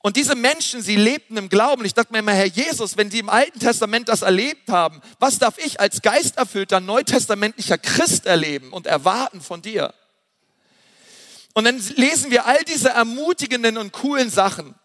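A man's voice: extremely high pitch, expressive, moderate pace, fairly bright tone, big-room sound. A male pastor preaching a sermon with energy, repeating refrains and using casual slang. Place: church hall.

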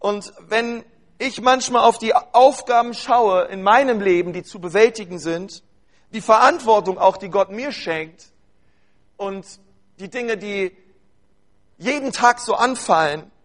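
A man with a notably high-pitched voice delivers a sermon to his congregation. He speaks with earnest, urging conviction and builds his points through repeated phrases. He addresses his listeners directly as "you". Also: unhurried. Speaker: preacher.

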